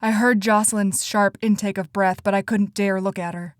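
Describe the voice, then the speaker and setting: A woman reading first-person audiobook narration in an even, measured way. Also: medium pitch, no room sound, studio quality.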